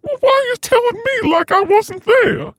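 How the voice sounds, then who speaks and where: Casting: a shameless, scheming mama, formant-shifted, chipmunk-high. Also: expressive, moderate pace, a bit bright, heavily acted. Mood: unbothered. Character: shameless, gross, scheming old mother. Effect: formant shifted, pitched-up chipmunk voice. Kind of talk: improvised comedy sketch.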